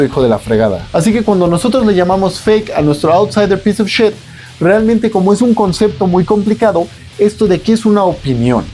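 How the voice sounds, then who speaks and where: A man's voice: high voice, darkish tone. A man with a Mexican accent, teaching an English lesson in a casual, joking, slangy tone. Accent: Mexican Spanish.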